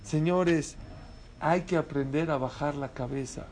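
A man's voice: fairly high pitch, measured pace, darkish tone, a little hiss or hum. A man preaching a sermon as a rabbi, telling stories and asking rhetorical questions with animation.

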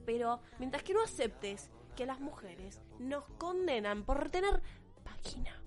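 A teenage girl with an Argentine accent and a high voice delivers a blunt, sarcastic rant straight to her viewers. She swears freely and mocks her critics. Faint music plays underneath. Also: sing-song, unhurried. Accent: Argentine Spanish. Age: teens. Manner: blunt, profane, sarcastic ranting. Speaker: vlogger. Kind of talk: opinion rant to camera.

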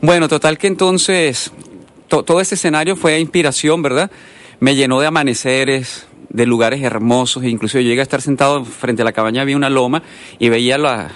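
A man from Colombia, a guest artist in a radio interview who tells long stories full of asides. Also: mid-range voice. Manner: storytelling, rambling with asides. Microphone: studio microphone.

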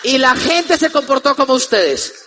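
A young Colombian man in his twenties telling a lively personal story to a live audience as a motivational speaker, acting out the people in it. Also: extremely high pitch, moderate pace, noisy background. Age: 20s. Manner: animated, acts out the voices of the people in his story.

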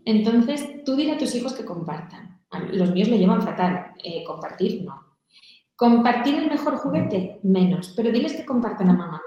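A woman's voice: on the high side, big pitch swings, moderate pace, mellow, muffled recording. A middle-aged woman answering interview questions in an earnest, storytelling way, sometimes voicing her children. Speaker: founder of a volunteer mothers' group, guest. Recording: very echoey room.

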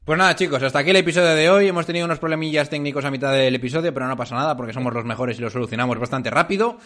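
A man's voice: on the high side, very fast, fairly bright tone. A man hosting a casual basketball podcast, teasing his co-host and wrapping up the episode. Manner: teasing, joking.

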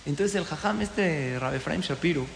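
High-voiced man preaching in an echoey hall. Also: normal speed, gravelly, slight background noise. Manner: animated storyteller, asks the audience questions. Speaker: religious teacher. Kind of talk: storytelling sermon to an audience. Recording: echoey hall with long reverb.

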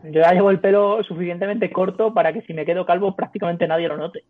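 A man's voice: high-pitched, steady tone, fast talker. A man with a Spanish accent chatting casually as a podcast co-host, blunt and sweary. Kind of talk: casual chat. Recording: phone-like thin sound, music behind.

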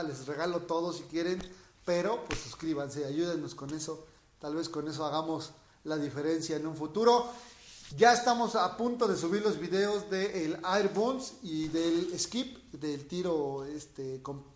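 A Mexican man with a raspy, boozy-sounding voice, chatting informally as he explains things and answers viewers' questions. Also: fairly high pitch. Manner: informal, explanatory, frequently checking with the listener. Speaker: dog trainer hosting a question-and-answer livestream. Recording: echoey room.

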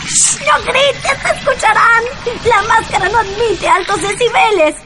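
A woman's voice: very high voice, measured pace, heavy background noise. A woman playing Luciérnaga, a fussy alien. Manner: fussy exclamations. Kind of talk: radio drama acting. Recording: clear music behind.

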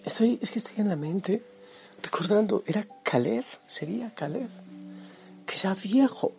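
A middle-aged man, a priest, giving a fervent devotional sermon that often sinks into hushed, near-whispered passages. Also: high-pitched, expressive, measured pace, vocal fry. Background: soft music backing.

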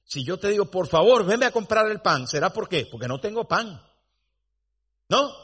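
Emphatic high-voiced man preaching. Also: expressive, normal speed, a bit bright, breathy edge. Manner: dramatic storytelling, rising to emphatic declarations. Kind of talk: sermon.

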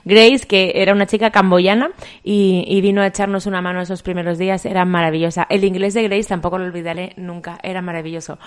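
A woman's voice: lowish voice, fairly even intonation, fast talker, clean tone. A woman, co-hosting a casual chat, laughing often as she talks. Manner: laughs often, chatty and warm-humored.

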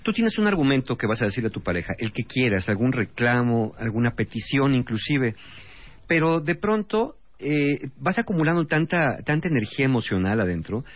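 A man, a relationship expert explaining as a guest on a radio talk show, calm, listing one example after another. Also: mid-range voice, dry recording. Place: radio studio. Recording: dull broadcast radio sound.

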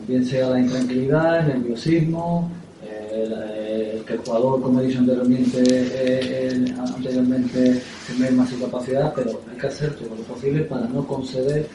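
At a press conference, a football coach stumbles through his answers, repeating himself and plugging pauses with "eh." The distant mic in an echoey room picks up his mellow, medium-pitched voice along with slight hiss or hum.

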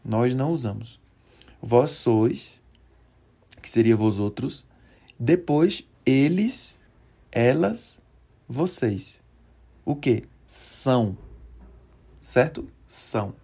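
A man teaching verb conjugations, slow and deliberate, drawing out each form and checking in often with "certo?". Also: mid-range voice, mellow, slightly rough. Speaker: Portuguese teacher for Spanish speakers. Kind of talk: conjugation lesson.

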